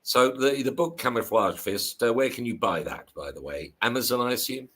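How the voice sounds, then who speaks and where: An older man hosting an online history show, chatting in a relaxed way with fillers as he introduces his guest. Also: mid-range voice, moderate pace. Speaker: show host. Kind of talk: hosting a video call interview.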